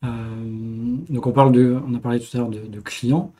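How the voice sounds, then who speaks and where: A male host steering a relaxed tech podcast panel, asking questions and inviting guests in turn. His voice is somewhat husky and mellow. Easygoing conversational delivery. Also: medium pitch, moderate pace. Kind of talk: casual tech panel chat.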